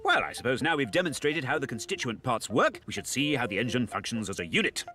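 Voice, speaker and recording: A fussy, lively professor. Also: male voice, mid-range voice, fast, faint music behind. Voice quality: plummy, exasperated, formal. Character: prim fussy middle-aged male professor presenter. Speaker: ad presenter. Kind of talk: comic ad narration.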